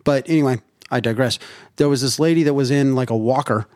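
Male podcast guest, lively profane storyteller, mid pitch, dry close sound. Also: quick pace, no room sound. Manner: animated, profane, jokey storyteller. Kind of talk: casual storytelling.

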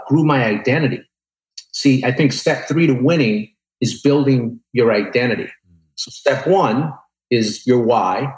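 A man in his forties speaking as an interview guest, telling motivational personal stories in an earnest, emphatic, instructive way. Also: mid-range voice. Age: 40s. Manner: earnest, emphatic, instructive, with rhetorical check-ins. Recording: roomy, echoing sound.

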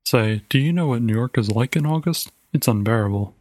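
A man's voice: medium pitch, a little fast, darkish tone, no echo, natural voice. A man voicing a stern, determined mother, reading her lines firmly and insistently in a storybook reading. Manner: firm, clipped and insistent.

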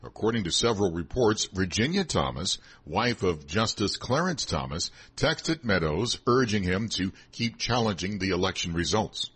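A man with a low, husky voice reads scripted news headlines on the radio. He works as a newsreader, moving through items in a formal broadcast manner. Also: expressive, normal speed, few pauses, a bit bright.

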